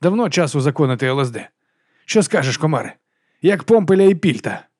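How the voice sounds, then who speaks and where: A man's voice: fairly high pitch, fairly quick, no room sound, studio quality, voice pushed up. A man doing a giddy, drugged detective. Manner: excited, tipsy rambling, shouting at times. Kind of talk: audiobook character voice.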